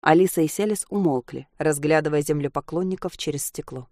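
A woman reading a novel aloud as audiobook narrator, steady and even. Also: lowish voice, normal speed, no echo, clean studio sound. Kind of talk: scripted narration.

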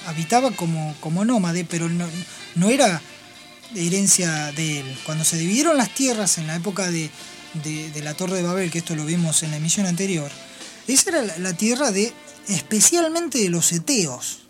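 A woman hosting a radio program, retelling Bible passages in an explanatory, storytelling way with pauses and restarts. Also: lowish voice, expressive, soft background music. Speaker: radio host. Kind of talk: radio talk on Bible stories.

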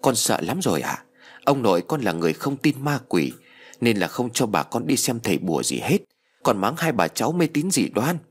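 A man voicing a frightened, timid young village girl in a read-aloud ghost story, pleading and stammering with a husky voice. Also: mid-range voice, sing-song, normal speed. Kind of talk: storybook reading.

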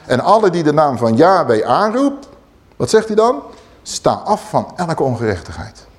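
A man preaching a sermon, animated, swinging between loud exclamations and low emphatic asides. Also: normal speed.

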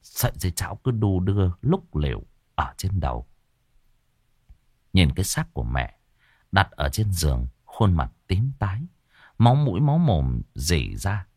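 A man narrating a ghost story in a dramatic, expressive way. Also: low-pitched, measured pace, dry recording, clean studio sound.

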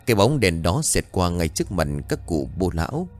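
A man's voice: sits low, big pitch swings, normal speed. A man narrating a horror story in a dramatic, suspenseful way.

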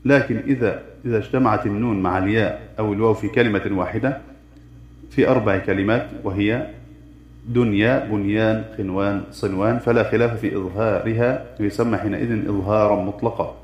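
A man teaching the rules of Quran recitation, chanting verses of a poem and then explaining them in measured, formal tones. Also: fairly low pitch, fairly even intonation, darkish tone. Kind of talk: lesson explaining a didactic poem. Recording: dull echoey room recording.

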